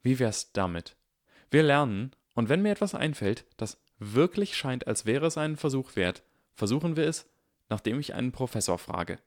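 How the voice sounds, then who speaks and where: A man voicing a clever, excitable young schoolboy wizard in an audiobook, eager and lecturing. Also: medium pitch, moderate pace, no echo, clean studio sound, voice pushed up. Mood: restrained. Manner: eager, lecturing, barely restrained. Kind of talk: audiobook character voice.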